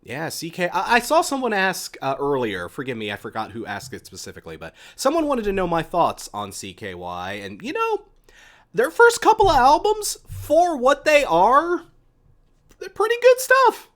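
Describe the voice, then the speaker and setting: A young man hosts a casual live stream, reading out questions from chat and rambling about the music he loves. His voice sits a little high and swings widely as his excitement rises. He restarts sentences often, with plenty of fillers. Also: normal speed.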